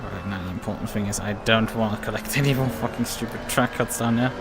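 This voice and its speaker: A man's voice: fairly low pitch, fast talker. A man giving casual live commentary while driving in a sim race. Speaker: sim racing driver. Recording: race car engine noise behind voice.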